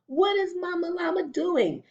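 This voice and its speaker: A woman teacher reading a picture book aloud to children, animated and stopping often to ask them questions. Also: very high-pitched, unhurried. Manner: animated, asks children questions as she reads. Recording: dull lo-fi recording.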